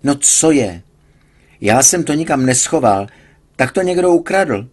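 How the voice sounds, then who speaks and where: A man's voice: mid-range voice, sing-song, breathy edge, voice pushed up. A man doing a frantic, whiny patient. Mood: frantic, indignant. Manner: pleading, indignant outbursts. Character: agitated male patient engineer, frantic and whiny.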